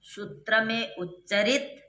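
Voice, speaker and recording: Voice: mid-range voice, slow pace, sharp tone. A grammar teacher giving a classroom lecture, explaining step by step and quizzing the students. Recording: echoey room.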